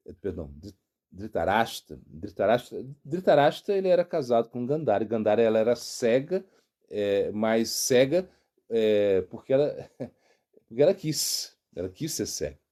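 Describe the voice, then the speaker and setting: A middle-aged man with a Brazilian Portuguese accent, a monk giving a devotional sermon in an unhurried storytelling way, pausing to search for words. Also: lowish voice, animated, dark tone. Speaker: monk and spiritual teacher.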